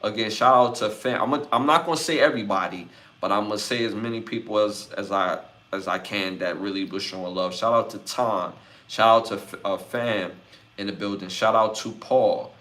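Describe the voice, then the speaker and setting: In a casual livestream sign-off, a podcast host in his forties chats in a laid-back way at a moderate pace. His voice sits a little low, and he talks loosely while thanking viewers one by one and shouting them out by name.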